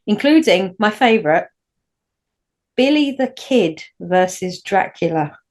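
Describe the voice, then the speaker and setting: A woman from the north of England co-hosts a casual podcast, speaking slowly but animatedly in a mid-range voice. Her points ramble, with plenty of false starts.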